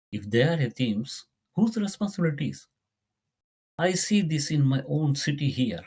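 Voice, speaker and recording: A man's voice: medium pitch, a little mellow, husky. A man teaching a Quran lesson, earnest and pleading, often repeating his words. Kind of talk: religious lesson.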